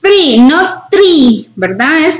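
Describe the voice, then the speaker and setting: High-voiced lady teacher counting super slow for the class, patient and clear. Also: lively intonation, echoey room, slight background noise, rough recording. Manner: patient, counts each number out slowly and clearly. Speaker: English teacher. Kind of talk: slow counting drill with explanations.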